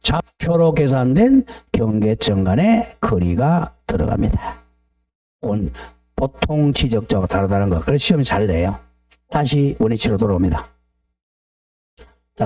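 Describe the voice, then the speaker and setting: A man's voice: medium pitch, mellow, dry recording, recorded from a distance. A middle-aged man teaching a real estate law class, drifting into blunt, ranting asides and asking the class to agree. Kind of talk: lecture with opinionated digressions.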